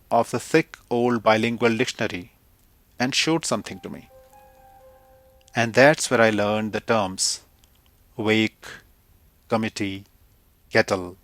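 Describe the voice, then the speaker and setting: A man tells a story in a slow, deliberate, reflective voice at a middle pitch. Soft music plays faintly under his narration. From India, Kumaon Himalayas. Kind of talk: scripted audio story narration.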